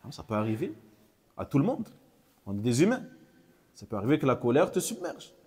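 A man's voice: mid-range voice, very animated, a little fast, a little mellow, breathy edge. A man giving a religious lesson, repeating key phrases for emphasis and mixing in short Arabic phrases. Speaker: Islamic teacher. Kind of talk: religious lesson commenting on a hadith text.

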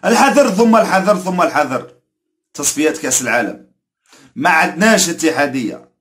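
A football commentator with an Algerian Arabic accent rants emphatically to camera about his football opinions, repeating himself and issuing indignant warnings. His voice is fairly high and fairly bright, with lively intonation and a slightly fast pace.

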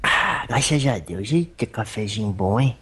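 Old spirit elder, as a medium speaks for him, husky, Brazilian accent, folksy and fatherly, pitch leaping up and down. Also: lively intonation, unhurried, a bit bright, heavily acted. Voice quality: husky, rambling, folksy speech with fond asides. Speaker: spiritual medium giving a consultation. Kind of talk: religious consultation talk.

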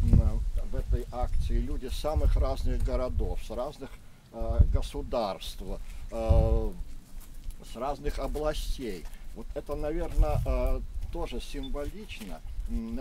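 A man in his sixties giving unscripted, reflective public remarks outdoors, with frequent hesitations. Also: mid-range voice. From Russia. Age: 60s. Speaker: speaker at memorial rally. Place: outdoors in a park by memorial stones. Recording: faint outdoor background noise.

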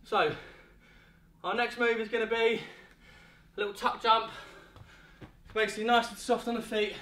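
A man's voice: high voice, little pitch movement, moderate pace, a bit bright. A man in his thirties, out of breath, leading a live workout as a fitness coach with short barked cues and counts. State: out of breath from exercise. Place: medium-sized indoor gym studio. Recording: roomy echo, distant mic, faint noise.

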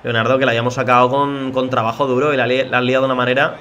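A young man from Spain commenting on his football video game as he plays, talking to viewers and reacting loudly to the match. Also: mid-range voice, racing, muffled recording. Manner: excitable, talks to viewers as chavales and familia, reacts loudly to plays. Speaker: gaming YouTuber. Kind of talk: live gameplay commentary.

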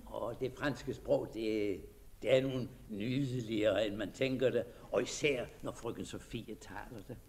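A man giving a dramatic first-person reading of a diary, talking in a shy, hesitant and dreamy manner that sinks very soft in tender passages. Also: fairly low pitch, fairly even intonation, a little hiss or hum. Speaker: narrator.

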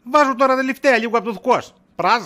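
A man's voice: very high-pitched, sharp tone. A man playing a weary, evasive husband. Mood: exasperated. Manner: exasperated, dodging, wisecracking. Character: tired, evasive shopkeeper husband, middle-aged. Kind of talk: comedy sketch acting.

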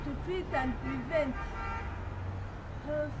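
An exasperated young Ugandan wife played by a woman in a comedy skit, with a very high voice. She is weary but insistent, halting as she explains and indignant as she repeats questions. It is recorded outdoors with clear noise and a vehicle hum. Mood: insistent, explaining. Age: young adult. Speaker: comedy actor. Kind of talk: improvised African comedy skit. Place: outdoors in a house garden.

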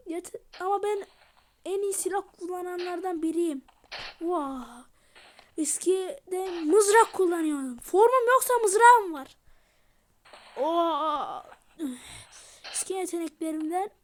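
A woman with a very high, piping voice plays all the parts of a homemade game drama herself. She talks slowly and unhurriedly, but keeps breaking into heated, slangy shouting. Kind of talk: amateur game drama voicing all roles.

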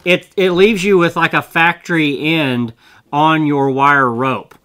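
A man's voice: a little high, fairly even intonation, a little slow, sharp tone. A middle-aged man casually explaining and demonstrating a tool in a small indoor studio, chatty and folksy. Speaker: tool reviewer. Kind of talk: casual product demo.

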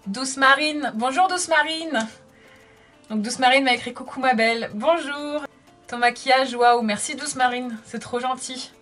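A chatty woman in her thirties answers comments while she does her makeup at home. Her voice sits a little high, and she talks in a bubbly, casual way. Soft music plays faintly behind her. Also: unhurried. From France. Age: 30s. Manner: chatty and bubbly, reads viewer comments aloud. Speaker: makeup vlogger.

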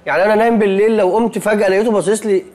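A man's voice: high-pitched, fairly even intonation, darkish tone, lightly acted. An actor playing a jumpy Egyptian man. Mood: bickering, jittery. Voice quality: quick anxious protesting delivery. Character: jumpy nervous young man sharing a hospital room.

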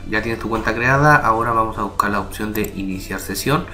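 A man's voice: lowish voice, brisk, bright, forceful tone. A man hosting a screen-recorded walkthrough, explaining step by step in a casual tone and often checking in with his listeners. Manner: casual, explanatory, frequent "¿ya?" and "¿vale?" check-ins. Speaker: tutorial host. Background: background music.

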